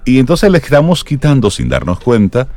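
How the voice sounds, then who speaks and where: A man's voice: medium pitch, wildly swooping pitch, fairly quick, a little mellow, no room sound. A man co-hosting a talk show, summing up the discussion and wrapping up the segment. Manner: sums up and wraps segments. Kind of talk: casual talk show chat.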